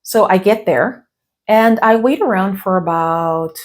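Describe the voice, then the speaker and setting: Still getting over a cough that took her voice, a middle-aged woman from the United States tells a story in a casual vlog, working from notes and quoting other people in asides. She speaks chattily at a medium pitch and an unhurried pace.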